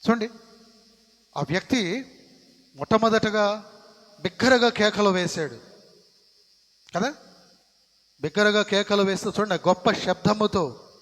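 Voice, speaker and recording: A man's voice: high voice, measured pace, long pauses, fairly bright tone. A man preaching a sermon as pastor, emphatic and repeating phrases for stress, in a church. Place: church sanctuary. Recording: long reverb of a church hall.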